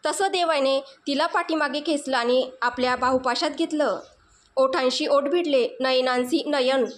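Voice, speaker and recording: Woman, storyteller, scripted narration, expressive, emotional, high-pitched.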